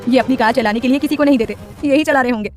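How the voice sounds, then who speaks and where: A gentle young student speaks softly and calms the others, as a woman storyteller voices her. Her voice is light and fairly quick. Faint music plays beneath. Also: on the high side, lightly acted.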